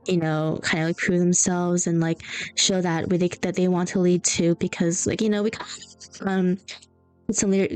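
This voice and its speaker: This young woman chats on stream as she draws, telling rambling stories with faint background music. Her lowish voice is a little mellow and smooth. There's no echo, though the recording is rough.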